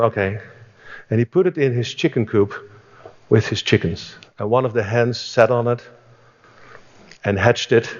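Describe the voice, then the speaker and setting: Man giving an enthusiastic keynote. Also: mid-range voice. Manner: enthusiastic, storytelling, restarts often. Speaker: company chief executive. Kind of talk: conference keynote. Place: conference stage. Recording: reverberant hall, dull sound.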